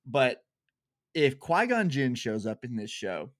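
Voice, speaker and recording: A man co-hosting a casual podcast who talks eagerly and laughs between points. His voice sits at a middle pitch. The recording is dry and close, with no room sound. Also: very animated, slow pace, fairly bright tone, no room sound. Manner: eager, chatty, laughs often. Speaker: podcast co-host. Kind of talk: casual discussion.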